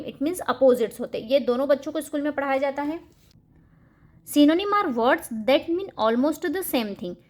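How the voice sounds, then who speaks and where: Woman, high voice, home-schooling host, explains school topics, mixes in English words. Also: a little mellow. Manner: mixes Hindi with English words, reads example sentences slowly. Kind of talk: explaining a school syllabus to parents.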